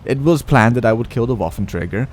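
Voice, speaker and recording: A man's voice: mid-range voice, animated, fast talker. A man commentating over his own gameplay in a casual, rambling way, often stopping to correct himself. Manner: rambling, self-correcting, chatty.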